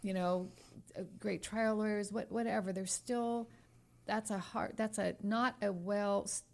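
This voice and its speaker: A woman's voice: medium pitch, fairly even intonation, measured pace, creaky, a little mellow. A woman in her sixties, a lawyer co-hosting a podcast, talking frankly and emphatically and repeating phrases as she hunts for words. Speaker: podcast co-host, trial lawyer. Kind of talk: candid podcast conversation.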